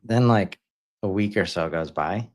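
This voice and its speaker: A man's voice: sits low, unhurried. A man co-hosting a podcast, talking casually and hesitantly with many fillers. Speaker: podcast co-host.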